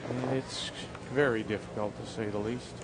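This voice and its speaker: A man's voice: on the low side, steady tone, normal speed. A man giving live play-by-play commentary on a curling match. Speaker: sports commentator. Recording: noisy arena behind broadcast commentary.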